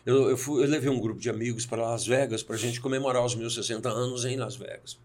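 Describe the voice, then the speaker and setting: A man's voice: medium pitch, fairly even intonation, fast talker, darkish tone. Reflective Brazilian man in his sixties. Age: 60s. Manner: reflective, acts out quoted dialogue. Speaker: guest. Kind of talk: storytelling in a conversation.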